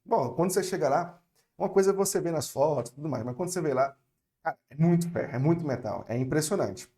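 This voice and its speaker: A young Brazilian man teaching French online, patient and repetitive, slowing down to model phrases and checking in with his students. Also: a little high, lively intonation, mellow. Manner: patient, repeats phrases slowly, checks in with "tá certo?". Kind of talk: online language lesson.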